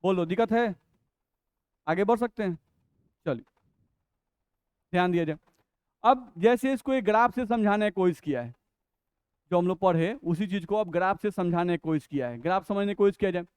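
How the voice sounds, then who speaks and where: A man with a Bihari Hindi accent teaching a chemistry lesson step by step, asking questions and answering them himself, and reading English definitions out slowly. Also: high voice, darkish tone, clean tone, dry recording. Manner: explains step by step, asks and answers his own questions. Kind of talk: classroom lecture.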